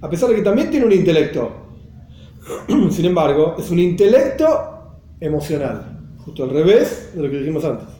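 Male teacher, high mellow voice, patient explainer, echoey room. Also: lively intonation, a little fast. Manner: explanatory, repeats phrases, mixes in Hebrew and Yiddish terms. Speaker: Torah teacher.

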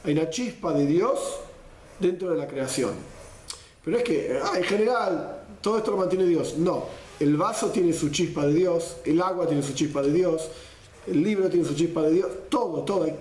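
Man, lively Torah class teacher, slightly high voice, roomy echo. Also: moderate pace. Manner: lively explainer, mixes Hebrew quotes with Spanish gloss.

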